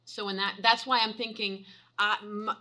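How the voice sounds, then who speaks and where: Bright-voiced woman councilor asking questions. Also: mid-range voice, flat delivery, normal speed. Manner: probing, restarts and many "like" fillers. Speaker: city councilor. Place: city council chamber.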